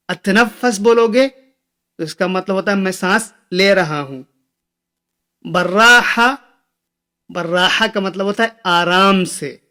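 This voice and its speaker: A young man with a high voice teaches phrases in a patient lesson. He says each phrase slowly and repeats it several times before he gives its meaning. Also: a bit bright. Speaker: Arabic teacher. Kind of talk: explaining Arabic phrases.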